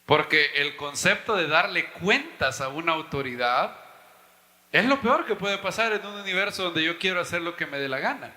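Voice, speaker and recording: A man's voice: fairly high pitch, expressive, normal speed, pushed and bright, echoey room, in a large hall. A man preaching a teaching sermon to his congregation, emphatic, his voice leaping up to stress points. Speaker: pastor and Bible teacher.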